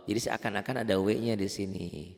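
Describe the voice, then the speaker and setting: A man teaching beginners Quran recitation rules in a casual, chatty way, chanting slow drawn-out examples. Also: lowish voice, vocal fry, darkish tone, in a large hall. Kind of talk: online tajwid lesson for beginners.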